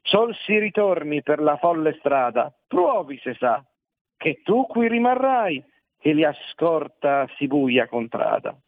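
A man's voice: fairly high pitch, sing-song, slow, dry recording, exaggerated voice. A man reading the lines of a crowd of fallen demons guarding a gate, speaking with scorn and threats. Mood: scornful. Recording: tinny narrow-band dry recording.

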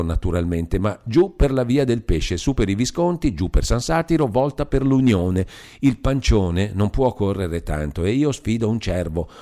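A man putting on a fiery bold young wife. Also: lightly acted. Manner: lively, scornful, raised pitch. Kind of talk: audiobook character voice.

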